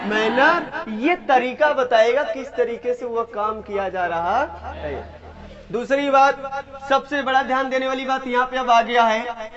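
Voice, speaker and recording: A man's voice: very high-pitched, highs cut off. A male English grammar teacher, giving a classroom lesson and repeatedly quizzing his students. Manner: repeats questions to the class, coaxing.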